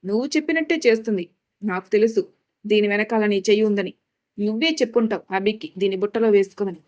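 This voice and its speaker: A woman's voice: medium pitch, fast, darkish tone, natural voice. A woman voicing an angry, controlling middle-aged mother who scolds her daughter in a storybook reading. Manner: scolding, indignant.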